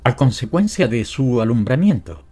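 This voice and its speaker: A man reading the part of a calm nanny reassuring her mistress, in an audiobook. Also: mid-range voice, moderate pace. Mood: soothing.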